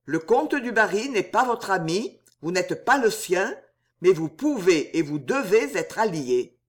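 A reader voicing a calm, authoritative older male stranger in a swashbuckling audiobook, speaking with measured command. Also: mid-range voice.

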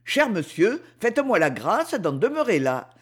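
A proud young man clips his answers short and bristles at every question, as a male audiobook reader voices him. His voice sits high for a man and swings widely in pitch, brusque and defensive in a storybook reading. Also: sing-song, moderate pace, breathy edge, full character voice. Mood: indignant. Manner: clipped, brusque replies.

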